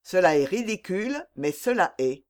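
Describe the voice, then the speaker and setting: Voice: medium pitch, sing-song, moderate pace, natural voice. Wry, worldly old musketeer captain, teasing and blunt, as an audiobook reader does him; classic-novel reading. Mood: mocking. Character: seasoned musketeer captain, older man, wry and mocking.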